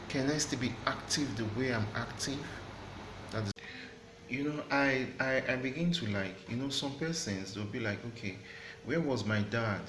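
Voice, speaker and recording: A middle-aged man hosting a motivational talk, earnest and preachy, repeating phrases for emphasis. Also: medium pitch. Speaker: host of a motivational channel. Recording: echoey room with background noise.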